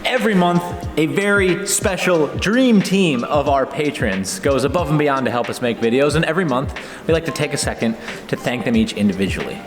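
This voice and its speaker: A man's voice: on the high side, animated, brisk, few pauses, echoey room. A man hosting, talking in a casual, chatty style. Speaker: host. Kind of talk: casual chat and announcements. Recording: background music under the voice.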